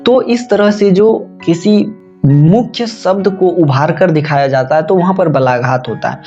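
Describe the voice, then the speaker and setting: A man's voice: on the high side, a little slow, warm tone, dull audio, soft background music. A man, an online tutor, giving a lecture and explaining a grammar topic, often repeating and correcting himself as he speaks to his viewers as friends. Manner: repetitive, self-correcting, addresses viewers as friends.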